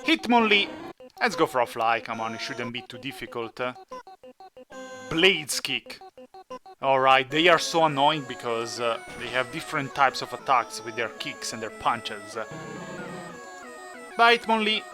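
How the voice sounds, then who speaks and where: A man's voice: medium pitch, expressive, measured pace, pauses often, over music. A man hosting a gaming video with casual, playful commentary, teasing the characters as he plays. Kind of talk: casual Let's Play commentary.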